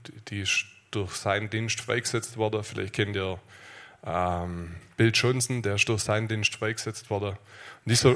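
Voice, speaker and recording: A man preaching a sermon, moving between quiet storytelling and loud, high, impassioned calls.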